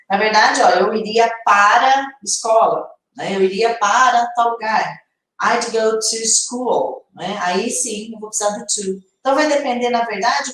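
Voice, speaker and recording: A Brazilian woman teaching English in a live online lesson, explaining slowly and checking in with her viewers. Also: a little high, heavy reverb, distant mic, low-quality recording. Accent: Brazilian Portuguese.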